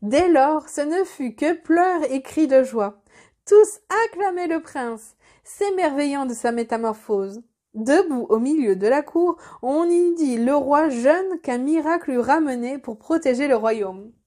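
Brief: female storyteller, high-pitched, measured expressive reading of a children's tale.

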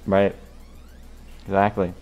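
Low-voiced man, dry and teasing. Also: slow pace, clean tone, lo-fi sound, faint music behind. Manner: calm, dry, teasing humor. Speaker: fursuiter chatting with strangers on a video chat. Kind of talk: casual video chat. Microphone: talking from inside a fursuit head.

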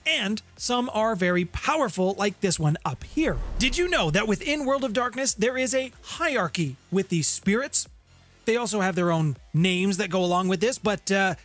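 A man with a high, slightly bright voice explains things emphatically over background music as host of a tabletop game lore channel. It's semi-scripted narration to camera, recorded indoors in a small home music room on a close studio condenser microphone with a shield.

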